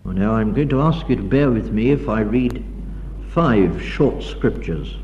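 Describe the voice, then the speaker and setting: A man's voice: lowish voice, lively intonation, unhurried, darkish tone, dull audio, a little hiss or hum. A man delivering an evening address in a hall, reading scripture aloud in a dramatic, declaiming way, heard on an old 1960s tape recording. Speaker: preacher. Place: lecture hall.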